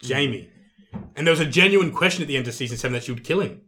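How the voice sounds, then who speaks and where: Fast, bright-voiced northern English man. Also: mid-range voice. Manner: animated, opinionated, laughs often. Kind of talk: casual chat.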